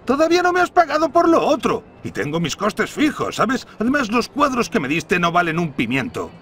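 An actor playing a whiny, haggling small-time crook, agitated and complaining, in an animated game scene. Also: male voice, sits high, brisk, a little hiss or hum, full character voice. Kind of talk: animated game cutscene acting.

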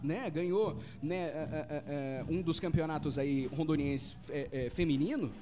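A man's voice: a little high, a little slow, warm tone. A Brazilian man giving live football play-by-play in a chatty way, often repeating phrases. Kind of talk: live match commentary.

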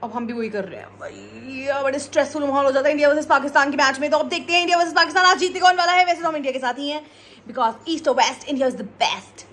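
A woman's voice: high voice, fast talker, a bit bright. A woman making a casual home vlog, chatting away and slipping English phrases into her talk. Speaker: vlogger. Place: family home.

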